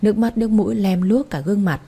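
A woman narrating an audiobook story in a steady, emotive storytelling manner. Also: medium pitch, fast talker, breathy edge.

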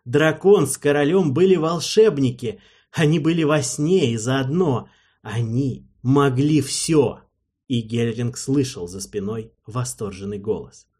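A man narrating an audiobook in a measured, storytelling manner, with a husky voice. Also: mid-range voice, darkish tone.

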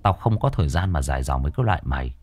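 A man voicing a calm, blunt, mocking male exorcist who gives orders. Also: extremely low pitch, very fast, pitched below the performer's own voice. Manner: calm, teasing, commanding.

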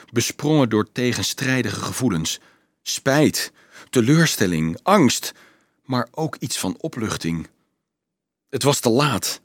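Expressive male audiobook narrator. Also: medium pitch, husky, no room sound. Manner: expressive, measured storytelling.

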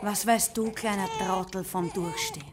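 A woman's voice: medium pitch, big pitch swings, normal speed, heavy background noise, natural voice. An actress playing a bitter, hardened young unwed mother, curt and contemptuous. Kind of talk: radio drama acting.

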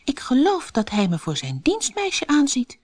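A woman's voice: high-pitched, huge pitch swings, normal speed, pitched above the performer's own voice. A woman voicing the young girl Alice in a storybook, thinking aloud to herself. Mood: wondering.

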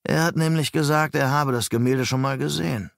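Self-important male private eye, boastful and defensive, read by a man in a gravelly voice. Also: medium pitch, brisk, no echo, studio quality, pitched above the performer's own voice, natural voice.

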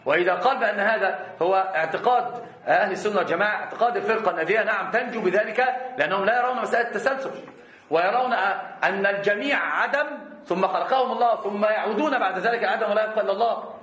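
A man teaching an Islamic creed lesson, talking rapidly and often restarting words with stammered repeats. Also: high-pitched, a bit bright, reverberant, lo-fi sound. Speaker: religious teacher.

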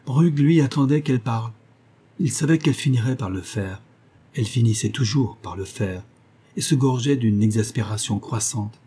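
A man narrating a literary novel in a measured, even reading. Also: medium pitch, a little hiss or hum. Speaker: audiobook narrator.

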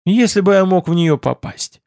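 Cheeky sarcastic young man, read by a man, gravelly, dry close sound, audiobook. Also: high voice, moderate pace, dark tone, dry recording, voice pushed up. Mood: sullen. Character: cheeky, hungry young man, prickly about his past.

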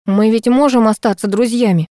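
For a story read aloud, a woman takes the part of a young male footballer pleading with and coaxing his ex-fiancée. She pitches her dark-toned voice fairly high, above her natural register yet close to an everyday voice, keeping a steady tone at normal speed. The studio-quality recording has no echo.

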